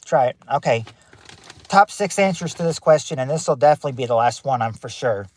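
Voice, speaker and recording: A man with a mid-range, expressive voice speaks briskly while hosting a casual family game show on a livestream from his parked car. He reads out answers and greets viewers by name.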